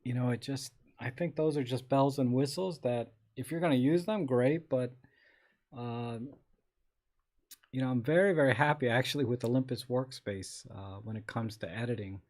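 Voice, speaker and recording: A man's mid-range voice, moving at a moderate pace and slightly scratchy today, carries a casual photography Q&A on a live stream. He reads viewer comments aloud and replies in a rambling, relaxed fashion full of restarts.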